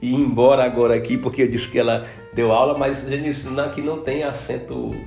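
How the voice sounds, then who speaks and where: A Brazilian man with a Brazilian Portuguese accent hosting a casual podcast, chatty and animated when telling anecdotes. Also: mid-range voice, a little fast, vocal fry. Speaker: podcast host. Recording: roomy echo with faint guitar music.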